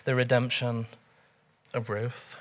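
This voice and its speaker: A man's voice: mid-range voice, level tone, slow pace. A middle-aged man preaching a sermon as pastor, earnest and urgent, full of rhetorical questions.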